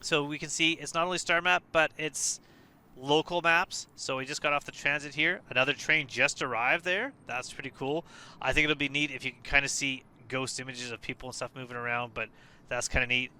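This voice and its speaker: A tired man casually walking through a game update, relaxed and hesitant, with many fillers and restarts. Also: mid-range voice, a little fast, clean tone. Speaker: gaming video creator. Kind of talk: casual gameplay walkthrough.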